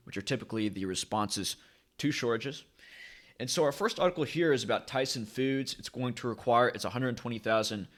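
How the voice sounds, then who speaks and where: A man's voice: medium pitch, a bit bright. A man hosting a casual commentary vlog, talking emphatically and repeating his key points like a preacher. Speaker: crypto YouTube host.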